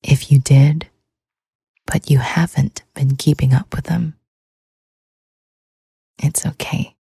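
Slow, soft-whispering woman, breathy and dark. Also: sits low, steady tone, dry recording, clean studio sound. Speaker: sleep podcast host. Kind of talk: whispered ASMR sleep talk.

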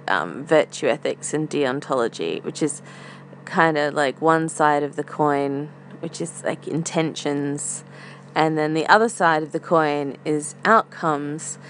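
A woman podcast host thinking aloud in a casual, reflective monologue, with some hesitancy as she feels for words. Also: low voice. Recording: faint air conditioner hum. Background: humming air conditioner.

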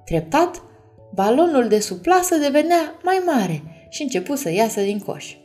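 Lady reading a bedtime story to kids, gentle, lively up-and-down voice, soft music behind. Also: high voice. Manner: gentle, addressing children.

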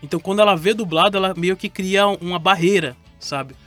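A man's voice: sits high, fairly quick, a bit bright, faint music behind. A man with a Brazilian Portuguese accent hosting a casual podcast chat, rambling and correcting himself as he goes. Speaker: podcast host.

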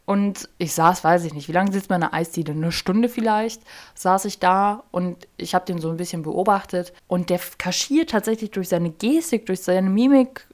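A woman's voice: lowish voice, moderate pace, darkish tone. A young woman hosting her own podcast in a casual, chatty monologue, joking about herself and often leaving sentences unfinished. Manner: chatty, self-deprecating, loses track of sentences. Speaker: podcast host. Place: sitting on her bedroom floor.

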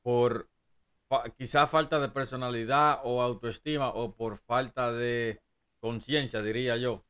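A man's voice: mid-range voice, fairly even intonation, unhurried, fairly bright tone, smooth. Argumentative Dominican man, explaining at length. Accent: Dominican Spanish. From Dominican Republic. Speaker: podcast co-host. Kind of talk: casual chat.

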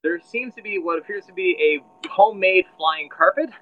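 A man's voice: high-pitched, normal speed, background noise. Man narrating a tabletop game, lo-fi. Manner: relaxed narration with many fillers. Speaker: game master. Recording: dull lo-fi sound with faint music.

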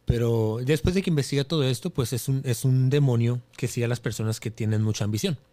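A young man with a Mexican accent tells a personal story on a podcast. He talks in a lively way and acts out, with his own voice, the dialogue he remembers. His voice sits at a medium pitch. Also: fast talker. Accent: Mexican Spanish. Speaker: podcast guest, influencer.

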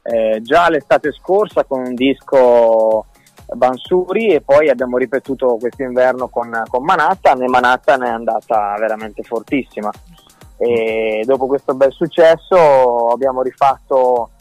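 A man's voice: medium pitch, measured pace, a little mellow, dry recording, faint music behind. Easygoing man talking over the phone. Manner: easygoing, repeats words. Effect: heard over a phone line. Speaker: guest DJ and producer. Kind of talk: casual interview chat.

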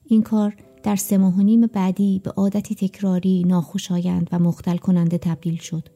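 Dark, gravelly woman narrating a story. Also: fairly low pitch, flat delivery. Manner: measured, reflective storytelling. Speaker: audiobook narrator. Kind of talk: first-person audiobook narration.

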